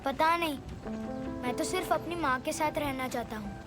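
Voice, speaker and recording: A woman voicing a frightened, clingy little boy in a film dub, who talks in a high, pleading whimper. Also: moderate pace, loud music behind the voice, close to an everyday voice. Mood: wistful. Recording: loud film score behind.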